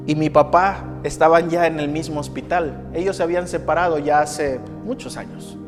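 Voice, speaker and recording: High-voiced pastor preaching. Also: male voice. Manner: emphatic, repeats phrases for effect, acts out quoted people. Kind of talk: sermon with a personal testimony. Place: church. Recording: church hall with long reverb and soft music.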